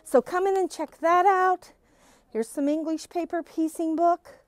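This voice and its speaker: Talking through a face mask to the phone camera trailing her, a middle-aged woman gives a casual tour of a quilt shop's new stock, bubbly and gushing. Her voice is very high, with fairly even intonation and a measured pace, and there's no room sound.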